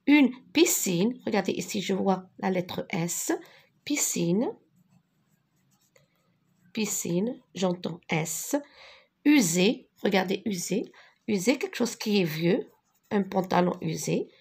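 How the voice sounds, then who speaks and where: A woman teaching a French spelling lesson, patiently repeating each word slowly, with a few translations. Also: mid-range voice, expressive, gravelly, darkish tone, slightly rough. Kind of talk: slow classroom lesson with repetitions.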